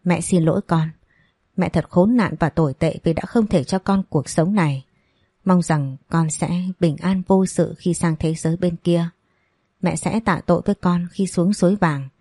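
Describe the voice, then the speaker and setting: A woman's voice: fairly low pitch, normal speed, warm tone, slightly rough, no echo, clean studio sound. A woman voicing an anguished young pregnant woman, in a storybook reading. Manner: anguished, apologetic.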